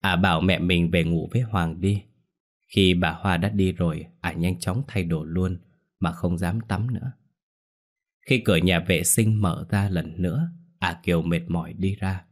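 A man narrating a ghost story in a calm, measured way. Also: low-pitched.

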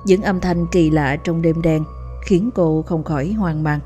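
A woman narrates a ghost story in a steady, measured storyteller's delivery. Her voice is low-pitched and dark, with a mellow tone. Faint music plays underneath. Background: faint background music.

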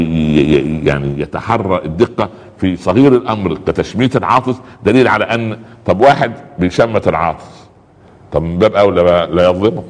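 Deep fast-talking Egyptian preacher. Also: male voice, darkish tone, in a large hall. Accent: Egyptian Arabic. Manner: conversational, repeats pious exclamations, acts out little dialogues. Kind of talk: colloquial religious talk.

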